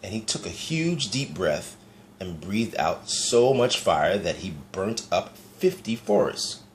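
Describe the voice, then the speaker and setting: A man reading a picture book aloud to children, gentle and chatty, stopping to point out the pictures. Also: low-pitched, big pitch swings, slow pace, slight background noise. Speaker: storyteller.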